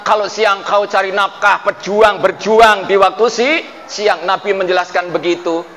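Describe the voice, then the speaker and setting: A male preacher giving a sermon, who questions his listeners, calls them "Pak", and chants verses slowly. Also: sits high, steady tone, fairly bright tone, slight background noise. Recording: distant mic in a reverberant hall with faint ambience.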